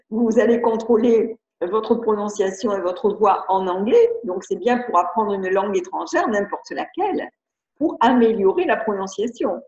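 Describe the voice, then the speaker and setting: A woman's voice: medium pitch, unhurried, a little mellow. A woman with a French accent leading a live webinar as an educator, speaking in a chatty, hesitant way with many restarts while she answers viewers' questions. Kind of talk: live video-conference talk, reading viewer questions. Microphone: computer mic on video call. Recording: muffled roomy video-call audio.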